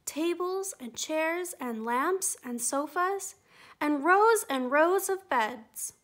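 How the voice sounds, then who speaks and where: A woman reading a children's picture book aloud, gentle and expressive. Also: high-pitched, takes it slowly. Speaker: storytime reader.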